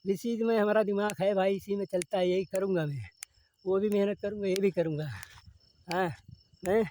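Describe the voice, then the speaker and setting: A man's voice: high-pitched, fairly even intonation, moderate pace, dark tone, a little hiss or hum. A man rattling off a playful freestyle rap of rhyming nonsense wordplay, with rustic village speech.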